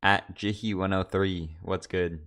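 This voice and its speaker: A man's voice: deep voice, steady tone, unhurried, a bit bright. A young man chatting casually on his livestream from home, rambling loosely with lots of fillers and restarts. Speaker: streamer.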